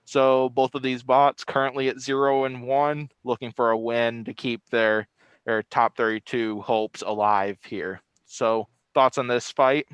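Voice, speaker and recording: A man's voice: medium pitch, fairly even intonation, a little slow, clean tone. A man speaking through a face mask as he hosts a casual video recap, rambling a little and repeating phrases. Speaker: host.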